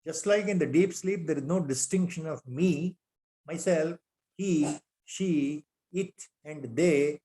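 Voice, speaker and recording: A spiritual teacher with an Indian accent speaks slowly in a slightly high, dark-toned voice. His discourse recites Sanskrit verses and poses rhetorical questions again and again.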